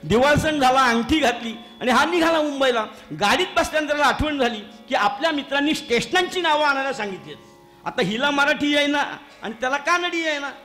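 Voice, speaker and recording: A man's voice: very high-pitched, brisk, faint music behind. A man from Maharashtra leading a kirtan, telling funny stories as a sermon, chuckling and speaking straight to his listeners in a temple hall. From Maharashtra, India. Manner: lively storyteller who addresses the audience directly and chuckles at his own jokes. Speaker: kirtan preacher. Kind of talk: humorous storytelling sermon. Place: temple hall, performing live before listeners.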